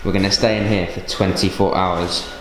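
Low-voiced young southern English man, echoey room. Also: level tone, normal speed. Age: young adult. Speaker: vlogger. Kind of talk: casual vlog chat with slang. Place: empty room of an abandoned house, indoors. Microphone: handheld camera mic. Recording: echoey bare room, handheld camera noise.

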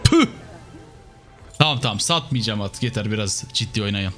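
A young man, a gaming YouTuber, gives casual live commentary over his own gameplay, excitable and swinging between muttering to himself and yelping. His voice is lowish at a moderate pace, with soft background music.

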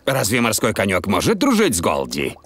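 A man voicing a jovial, easygoing father pig with expressive exclamations in a dubbed preschool cartoon. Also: on the low side, brisk, full character voice. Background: light music.

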